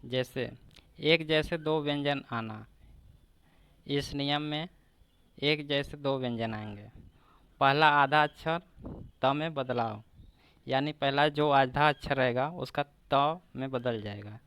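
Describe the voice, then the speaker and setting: A man teaching a grammar lesson for exam preparation, slowly breaking down each example word by word and repeating it. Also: medium pitch, a bit bright, smooth, dry recording.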